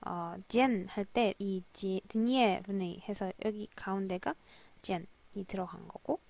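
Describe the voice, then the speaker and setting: A young woman teaching Russian from drama scenes, who slowly spells out words and repeats drills. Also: medium pitch, steady tone, gravelly, darkish tone. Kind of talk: language lesson explaining drama lines.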